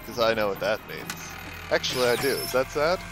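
Man, gameplay commentary, joking, lively pitch, game music behind. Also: fairly quick. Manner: joking, teasing, talks over characters. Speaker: gaming video host. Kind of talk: let's play commentary.

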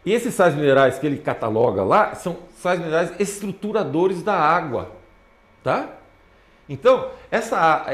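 A man giving a lecture to an audience, pointing at slides as he talks. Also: fairly high pitch. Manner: animated, points at slides with repeated "ó, olha só". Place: lecture hall. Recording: roomy lecture hall.

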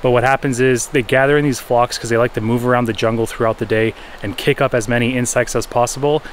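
A man in his thirties talks quickly to his camera in an informal, enthusiastic way. His pitch is middling and he explains things like a wildlife photographer vlogging from the jungle. Faint outdoor noise sits behind his voice. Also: fairly even intonation. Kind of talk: explanatory vlog talk to camera. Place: outdoors in jungle, orchard and by a river.

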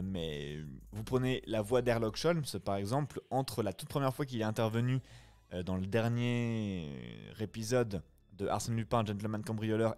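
A man's voice: lowish voice, a little mellow. A man, chatting casually with his live viewers after a reading in a friendly, reflective way. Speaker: streamer and voice-acting reader.

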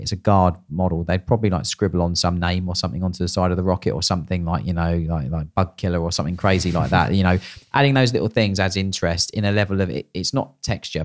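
A man's voice: low-pitched, no room sound. A man in his thirties co-hosting a miniature painting critique show from a small studio, talking casually with many fillers and restarts into a podcast mic. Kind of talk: casual feedback chat. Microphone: podcast mic on boom arm.

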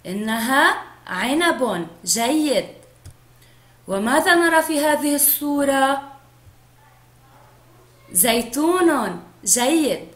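A woman teacher giving a first-grade phonics lesson, speaking slowly and clearly to young children. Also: high-pitched, lively intonation, fairly bright tone, echoey room. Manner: slow, clearly drawn-out speech to young children.

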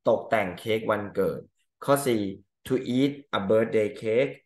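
Male English teacher, lowish voice, talks through test answers, drawls the English lines then explains loosely; echoey room. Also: a little mellow. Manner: reads English items slowly, then translates casually.

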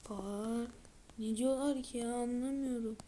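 Slow-talking excitable woman commentating a game. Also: fairly high pitch, a little hiss or hum. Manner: excitable running reactions to the screen; often drops into a whisper. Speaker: gaming video creator. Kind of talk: let's-play game commentary.

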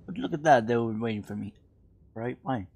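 A man hosting a let's play, commentating casually, rambling with lots of filler pauses, and hiccuping. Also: medium pitch, animated, gravelly, a little mellow. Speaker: gaming channel host.

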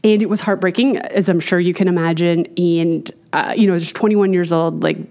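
A woman's voice: fairly low pitch, steady tone, fairly quick, a little mellow. Chatty woman from Virginia. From Manassas, Virginia, US. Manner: chatty, upbeat, frequent fillers. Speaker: artist guest. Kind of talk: casual interview chat. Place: gallery space, indoors. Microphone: studio mic on boom arm, headphones.

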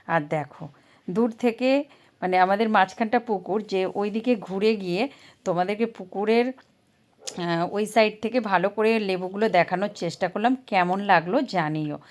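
A woman's voice: mid-range voice, a little fast. A woman narrating a casual mini-vlog outdoors, chatting to viewers in a coaxing show-and-tell way with many little questions. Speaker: vlogger and content creator. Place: outdoor garden.

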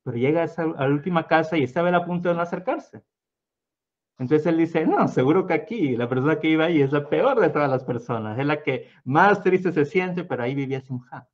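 A man's voice: on the high side, quick pace, highs cut off. A man telling a story casually as a guest, meandering with fillers and acting out the voices. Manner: meandering, lots of fillers and restarts, acts out voices.

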